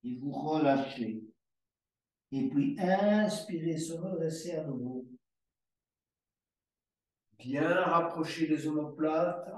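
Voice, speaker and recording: A man teaching a yoga class, calling out poses and breath cues in slow, drawn-out repetitions. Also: a little high. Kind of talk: guided yoga class instruction. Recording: very echoey room, voice from far off the mic.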